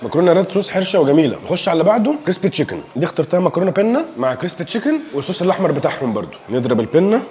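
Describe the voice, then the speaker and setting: A young man with an Egyptian Arabic accent reviews dishes in a casual food vlog, joking and enthusing as he tastes. His voice is fairly high, darkish, and very animated, racing along with few pauses.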